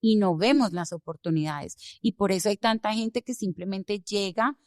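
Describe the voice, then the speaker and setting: A woman from Colombia, an immigration lawyer, speaking as a guest in a podcast interview, telling her story with animated emphasis. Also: medium pitch, moderate pace, dry recording, studio quality.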